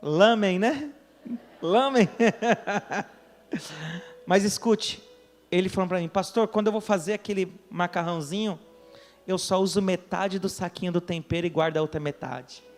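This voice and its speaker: A pastor from Brazil preaching a sermon, telling a story and acting out the people in it, with questions to the congregation. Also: male voice, high-pitched, normal speed, long reverb tail, faint music behind. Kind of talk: sermon with acted dialogue. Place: church during a service.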